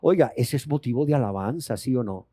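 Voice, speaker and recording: Man, colombian spanish accent, bible teaching sermon, mellow tone, emphatic questions. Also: medium pitch, expressive, a little fast, breathy edge, no room sound. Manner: emphatic, rising questions to the audience, acts out dialogue.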